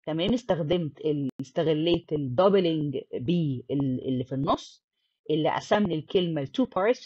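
A woman's voice: lowish voice, a little mellow, slightly rough, no echo. Woman, phonics teacher, checks in often, dull dry recording. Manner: checks in with the learner often, mixes English terms into Arabic. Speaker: English teacher. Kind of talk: explaining phonics lesson.

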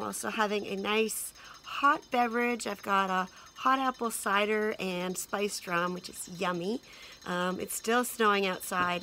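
A woman in her forties chatting casually to camera from inside a heated canvas tent, relaxed and rambling with lots of ums. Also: medium pitch, a little hiss or hum. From Canada. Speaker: camping vlogger. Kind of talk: casual vlog chat. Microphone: camera at arm's length and on a stand.

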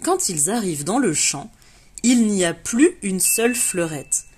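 Husky woman reading a children's storybook. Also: mid-range voice, measured pace. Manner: lively, puts on bright voices for the children in the story. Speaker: reader of a children's book.

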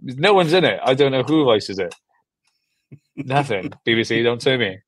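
A young man in his 20s or 30s from South Wales, with a South Welsh accent, chats casually and enthusiastically as an interview guest, often repeating words for emphasis. He's a film director speaking on a video call through earbuds from a small room at home. His medium-pitched voice is animated at normal speed, and the recording is dry and rough.

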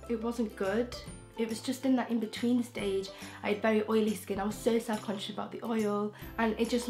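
A young English woman vlogs about beauty from her bedroom, her medium-pitched voice croaky from a throat infection. She chats frankly and rambles, often restarting sentences, filmed by a camera in front of her in close framing.

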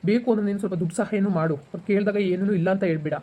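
A man playing a calm, reassuring husband in an amateur village family drama. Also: high voice, racing. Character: gentle, patient rural husband.

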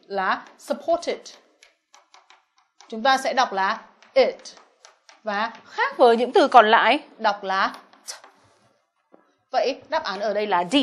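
Speaking Vietnamese plus English words in a Vietnamese accent, a young woman goes over the answers to an English exam in a lesson. Her voice is a little high. She stays patient and frequently checks in with her students.

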